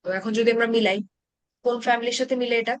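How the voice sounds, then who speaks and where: A woman's voice: a little high, steady tone, rapid-fire, dry recording. A woman teaching an Arabic grammar class in Bengali-accented speech, explaining patiently and asking her students questions. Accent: Bangladeshi Bengali.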